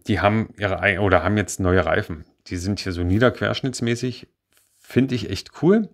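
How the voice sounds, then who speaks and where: Hesitant man with a lowish voice reviewing a model. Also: normal speed. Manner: rambling, hesitant, many fillers and self-corrections. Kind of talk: casual spoken product review.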